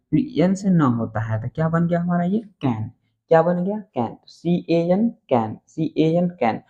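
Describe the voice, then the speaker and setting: A man with a Hindi accent and Hindi as his first language, teaching beginners English phonics, spelling letters out slowly and repeating each answer. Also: medium pitch, mellow, lo-fi sound.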